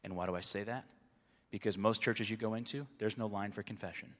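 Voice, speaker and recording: A man preaching a sermon, moving from hushed, quiet lines to loud, emphatic ones. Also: on the low side, steady tone, brisk. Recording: long reverb of a large hall.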